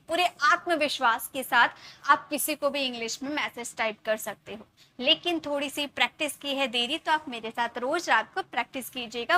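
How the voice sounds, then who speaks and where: A woman teaching a slow spelling lesson, spelling words out letter by letter. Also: high-pitched, pushed and bright. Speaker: English teacher.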